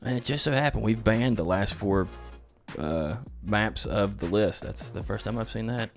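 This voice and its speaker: A man's voice: lowish voice, moderate pace, faint music behind. A man casting an esports match, with loose, joking banter. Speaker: esports caster. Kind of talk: casual esports commentary.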